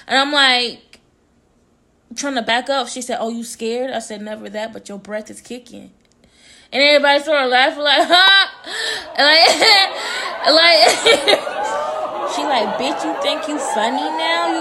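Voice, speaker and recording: Bright-voiced young woman telling a story. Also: on the high side. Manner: animated storytelling with slang and quoted dialogue. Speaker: vlogger. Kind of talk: casual storytime vlog.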